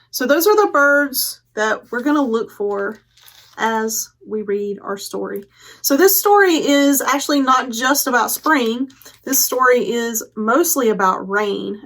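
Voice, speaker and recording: Reading a picture book to young listeners, this woman runs a children's storytime as the librarian and keeps her explanations simple. She sounds a little high and fairly bright.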